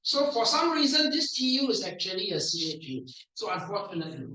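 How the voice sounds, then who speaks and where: A Singaporean man gives a playful speech evaluation at a club meeting, sounding out words slowly for the room to repeat. His voice is bright and clear. He stands back from the mic, and the room echoes heavily. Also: high voice, very animated, distant mic. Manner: playful, drills words aloud slowly for the audience. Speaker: language evaluator at a speaking club.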